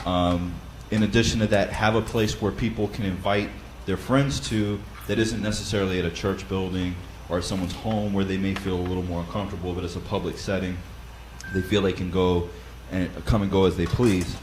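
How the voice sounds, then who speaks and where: Under a faint background hum, a man leads an instructional talk as a Bible study teacher, working through practical advice as if walking a class through it. He has a fairly low, loud voice with fairly even intonation, and he talks conversationally, frequently stalling on fillers and starting phrases over.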